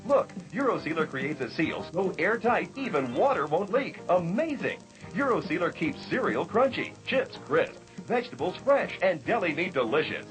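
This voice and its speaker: Animated, high-pitched infomercial man over music. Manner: emphatic, enthusiastic selling. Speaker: infomercial announcer. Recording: music behind the voice.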